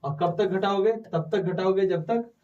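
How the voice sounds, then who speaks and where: A man teaches economics to a live online class, pressing his students for quick answers. His voice sits high for a man. The sound is dull and a little distant from the mic. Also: darkish tone. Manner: urges students to answer quickly, mixing Hindi and English terms.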